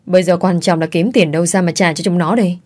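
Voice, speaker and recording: A woman voicing a young husband deep in gambling debt, pleading and explaining himself. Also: steady tone, fast talker, a little mellow, close to an everyday voice. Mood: urgent. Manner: pleading, defensive.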